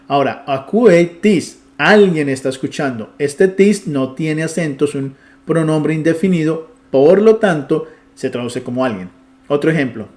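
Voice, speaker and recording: A man giving a Bible Greek lesson in Spanish, explaining patiently step by step and reading Greek words out slowly. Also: a little high, a little mellow. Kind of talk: online language lesson.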